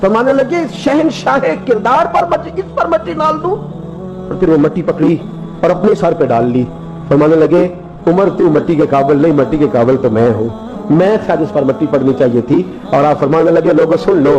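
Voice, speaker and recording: A man preaching an emotional sermon, telling stories and rising to a high, impassioned pitch on key lines. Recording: dull lo-fi audio with music underneath.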